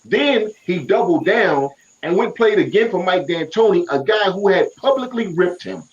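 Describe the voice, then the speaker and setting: A man's voice: high-pitched, animated, normal speed, highs cut off. A man on a sports talk panel, arguing his point emphatically over a remote call. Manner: emphatic, argumentative.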